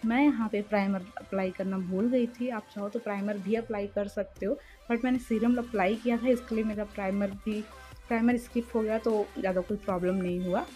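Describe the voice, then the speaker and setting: A young woman narrating her makeup tutorial as a voice-over, speaking slowly and softly at night with a chatty, friendly manner. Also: medium pitch. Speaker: beauty vlogger. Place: room in a house by a main road at night. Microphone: home voice-over recording.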